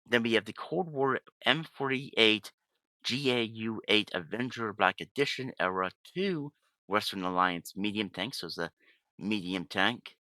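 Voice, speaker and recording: A man's voice: on the low side, a little slow, pushed and bright, no echo. Sick-voiced man, rambling game commentary. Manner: rambling, with frequent self-corrections. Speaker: gaming channel host. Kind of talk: casual gaming commentary.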